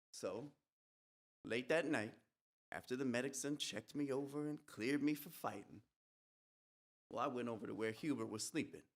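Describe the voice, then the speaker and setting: A performer playing a young male soldier who has come back from death, telling his tale in a folksy rural dialect as a dramatic monologue. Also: medium pitch. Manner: folksy storytelling with rural dialect, whispered hisses. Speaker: stage performer. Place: live event at an art museum.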